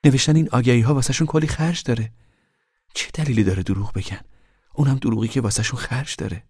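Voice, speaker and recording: A man's voice: medium pitch, darkish tone, slightly rough, no room sound, studio quality, natural voice. An actor voicing a weary, practical farm mother in a radio drama, talking in an earnest, plain way. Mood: reasoning.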